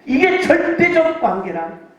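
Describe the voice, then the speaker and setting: A man's voice: extremely high pitch, big pitch swings, a little fast. A male pastor preaching a fervent sermon, firing rhetorical questions and leading the congregation in call-and-response. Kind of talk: impassioned sermon. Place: church sanctuary. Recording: very echoey hall, mic far off.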